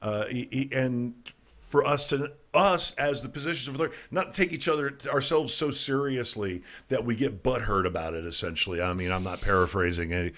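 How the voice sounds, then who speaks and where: Fairly quick and a little bright, a middle-aged man's mid-range voice carries a casual political comedy podcast. As host, he riffs irreverently on the news, tripping over words and starting sentences again.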